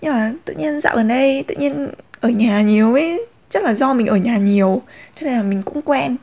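A woman's voice: on the high side, animated, moderate pace, darkish tone. A young woman, rambling candidly in a casual confessional vlog. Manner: rambling, many fillers and restarts, candid. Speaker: vlogger.

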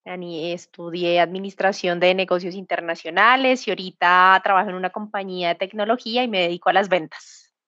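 This is a woman in her thirties with a Bogotá Colombian accent, answering interview questions in a halting way full of fillers and restarts. Her voice comes through dry and muffled, like dull lo-fi remote audio. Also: fairly low pitch, fairly even intonation, pushed and bright, dry recording. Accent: Bogotá Colombian Spanish. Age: 30s. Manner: hesitant, many fillers and restarts. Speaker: guest. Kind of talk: conversational interview.

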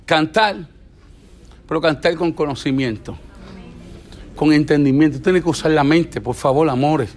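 A middle-aged man, preaching in a playful, animated and exhorting way at church. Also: a little high, measured pace, long pauses. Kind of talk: church teaching talk.

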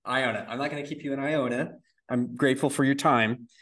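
A young man hosts the podcast in an informal, affirming way. His voice sits at an ordinary middle pitch for a man. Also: steady tone, fairly quick, a bit bright. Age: young adult. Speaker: podcast host. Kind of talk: podcast interview.

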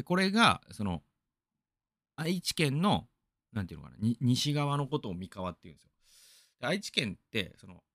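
A man's voice: mid-range voice, no room sound, clean studio sound. A man from Aichi in Japan hosting a radio show, rambling through a casual monologue full of fillers and asides.

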